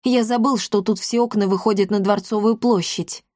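A woman's voice: mid-range voice, fairly even intonation, moderate pace, a little mellow, dry recording, clean studio sound, natural voice. A woman reading an audiobook, voicing a brave young man who speaks with indignation. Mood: indignant.

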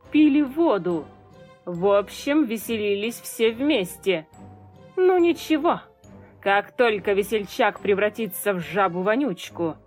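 A woman's voice: mid-range voice, natural voice. A woman doing a spiteful gloating evil queen. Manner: slow, drawn-out, mocking threats.

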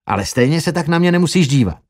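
A man's voice: on the high side, lively intonation, pitched above the performer's own voice. A man voicing a brash, crude young male doctor who talks in a cheeky, boastful way. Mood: defensive.

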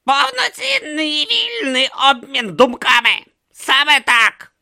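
A man voicing a small grumpy male god in tortoise form for an audiobook, with a creaky, shrill, sardonic delivery. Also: very animated, takes it slowly, pushed and bright, exaggerated voice. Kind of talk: audiobook narration.

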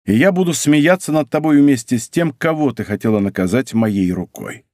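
A man's voice: mid-range voice, lively intonation, moderate pace, darkish tone, no echo, studio quality, lightly acted. A male reader voicing an ardent, impulsive young nobleman who speaks with passion and bursts into exclamations. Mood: passionate.

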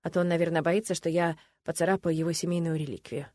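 A woman reading a fantasy novel aloud in the first person, telling it in an expressive, wry way with lively swings in pitch. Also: fast talker, dry recording, clean studio sound. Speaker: audiobook narrator.

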